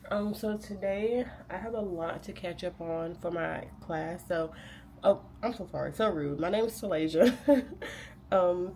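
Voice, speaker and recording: Her lowish voice is warm, though nasal from a cold, as this young grad student vlogs her day while getting ready to study. She's chatty and rambling, packing in fillers, with slight background noise behind her.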